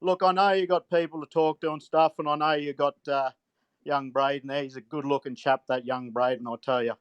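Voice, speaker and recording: A man's voice: a little high, fairly even intonation, brisk, smooth, dry recording, lo-fi sound. A man with a broad Australian accent chatting casually as a blokey caller, repeating himself and swearing mildly and often. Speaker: phone-in caller, truck driver. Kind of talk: casual rambling chat.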